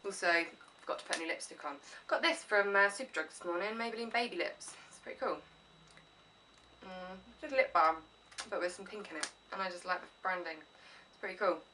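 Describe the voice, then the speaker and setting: This medium-pitched, sharp-sounding English woman talks a little fast through a casual haul video at home, stuffy and sniffling from a cold. She's rambling, enthusiastic and self-deprecating, and the mic, set a little away from her, catches some hiss or hum.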